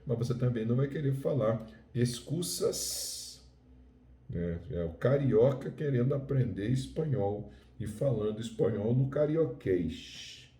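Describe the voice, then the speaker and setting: A man with a Brazilian Portuguese accent teaching Spanish in a video lesson, explaining slowly and checking in with "ok?". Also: medium pitch, warm tone, echoey room, recorded from a distance.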